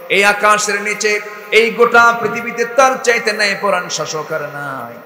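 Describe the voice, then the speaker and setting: A man's voice: mid-range voice, close to an everyday voice. A man preacher voicing a defiant young woman who lectures a stranger. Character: bold outspoken young woman scolding a stranger. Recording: echoey hall reverb.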